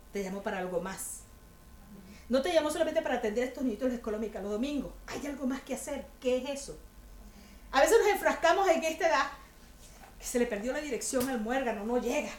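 A woman with a high-pitched, lively voice talks fast as she delivers a chatty, humorous sermon to a women's group, often putting rhetorical questions to her listeners. She's a women's ministry speaker, recorded in an echoey room with faint ambience.

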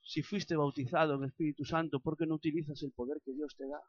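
A man with an accent from Spain preaching a sermon, building to loud impassioned passages and acted prayers. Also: fairly high pitch, little pitch movement, quick pace, dry recording, muffled recording. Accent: Spanish from Spain.

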